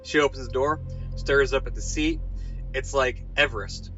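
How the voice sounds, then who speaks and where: Bright-voiced man telling a wry comic story. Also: medium pitch, steady tone, moderate pace, lo-fi sound, soft background music. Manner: dry, wry asides and punchlines.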